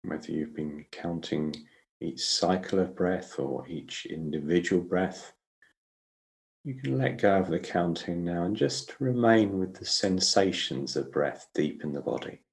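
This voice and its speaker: Low-voiced man guiding slow breath counting meditation. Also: gravelly. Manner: slow, measured, instructional delivery with pauses. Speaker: meditation teacher.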